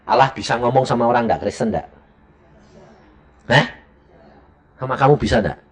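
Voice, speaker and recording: A middle-aged male evangelist, preaching a sermon as a lively story and acting out the dialogue. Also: a little fast. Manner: animated, acts out dialogue with sharp pitch jumps.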